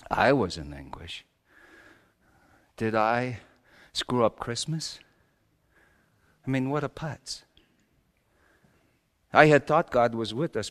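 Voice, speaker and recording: Male performer as wry, exasperated old-world carpenter, comic stage monologue, unhurried and very animated, big reverberant hall. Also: on the low side, exaggerated voice. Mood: anguished, rueful. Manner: theatrical, swinging between hushed asides and shouted exclamations. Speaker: storyteller preaching in character. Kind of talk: comic dramatic monologue to a congregation.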